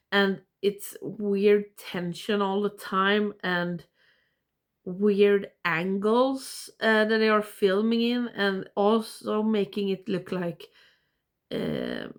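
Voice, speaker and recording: Woman reviewer w stuffy nose, slow n rambly, lots of vocal fry, chatting casually. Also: medium pitch. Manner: halting, rambling, self-interrupting. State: congested, blocked nose. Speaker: video reviewer. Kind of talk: casual ranking review to camera.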